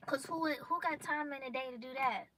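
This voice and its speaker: A woman's voice: high-pitched, moderate pace, sharp tone, slight background noise. A young woman vlogger giving a casual motivational monologue, emphatic and blunt with slang. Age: young adult.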